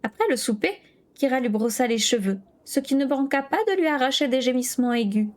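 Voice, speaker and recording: A woman with a slightly higher voice reads a novel aloud on a live stream. Her storytelling is steady, with a small slip now and then. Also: brisk. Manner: steady storytelling with occasional stumbles. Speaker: book reader.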